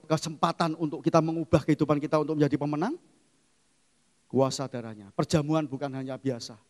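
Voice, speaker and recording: A middle-aged male pastor preaching a sermon, emphatic and swinging from quiet asides to loud exclamations. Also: on the high side. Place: church hall. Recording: long church hall reverb.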